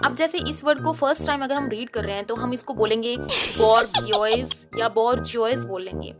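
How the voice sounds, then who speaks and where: A woman's voice: a little high, quick pace. A woman teaching English pronunciation in a short lesson, wry and mock-exasperated about odd spellings. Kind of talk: short lesson explaining words. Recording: music playing behind.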